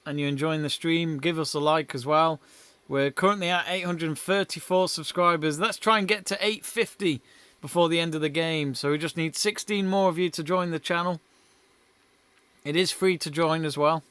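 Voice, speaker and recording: A man's voice: a little high, fairly even intonation, normal speed, a bit bright, clear, resonant tone, no room sound. A young man hosting a live football watch-along stream, chatting casually, reading out viewer messages and calling the play as it happens.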